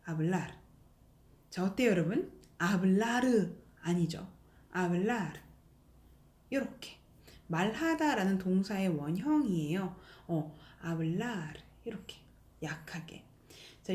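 A woman teaching an online language lesson, speaking slowly and clearly, repeating example words and encouraging her viewers. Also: medium pitch, darkish tone. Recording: echoey room.

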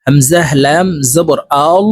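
A man, his voice sitting a little high, teaches recitation in a spoken lesson. He breaks words into letters and vowel marks and spells each one out with patient care. The close recording is dry, with no room echo. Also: slow pace.

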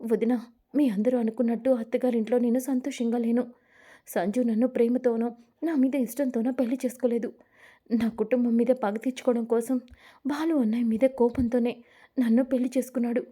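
A woman plays an upright young wife in a spoken story. She talks firmly and pleads earnestly, in a mellow, slightly high voice. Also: fairly even intonation, brisk, husky. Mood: pleading. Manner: firm, pleading.

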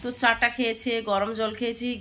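A woman in her thirties from India with a West Bengal accent, hoarse from a cold, chatting casually to viewers as she cooks at home. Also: fairly high pitch, little pitch movement, quick pace, a little hiss or hum. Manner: chatty, talks straight to viewers while cooking. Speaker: housewife vlogger. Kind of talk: casual home vlog chat. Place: home kitchen. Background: loud guitar music.

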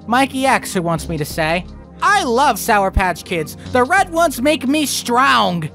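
A man's voice: very high-pitched, big pitch swings, unhurried, sharp tone, faint music behind. A young man hosting a review video, with sarcastic, profane ranting commentary. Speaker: video critic host.

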